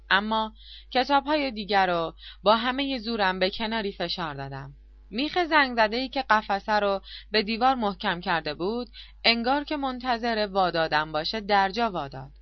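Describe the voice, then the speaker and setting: A woman giving an expressive, confessional first-person audiobook narration. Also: medium pitch, no room sound, lo-fi sound.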